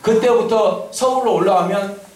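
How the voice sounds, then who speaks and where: A man's voice: high-pitched, normal speed, a loud crowd. A male pastor giving an emphatic testimony sermon in a church sanctuary, telling his story and drawing amens from the congregation. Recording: echoey church from a distance.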